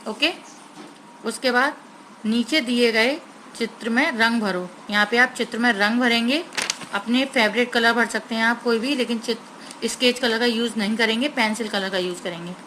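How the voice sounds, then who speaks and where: A woman teacher slowly explaining a grammar lesson to young children, sounding out words carefully and mixing in English words. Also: fairly high pitch, pushed and bright, a little hiss or hum, poor audio.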